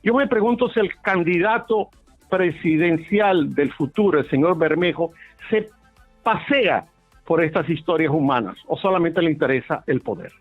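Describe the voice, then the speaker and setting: A man's voice: a little high, moderate pace. A man with a Caribbean Spanish accent, speaking bluntly as a panelist in a live political debate, over a thin phone-like connection. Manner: blunt, plain-spoken. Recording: thin phone-like sound, music behind.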